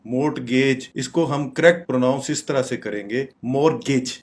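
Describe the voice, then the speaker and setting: A man teaching English pronunciation, repeating each word slowly several times. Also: mid-range voice.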